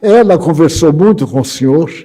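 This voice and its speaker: A man's voice: a little high, animated, moderate pace, dark tone, faint music behind, voice pushed up. A man voicing an insistent male doctor who keeps asking pointed questions. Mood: probing. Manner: pressing questions.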